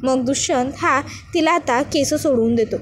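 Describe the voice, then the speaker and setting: A woman's voice: sits high, moderate pace, slight background noise. A woman casually retelling the episode of a TV serial, narrating and quoting each character's lines.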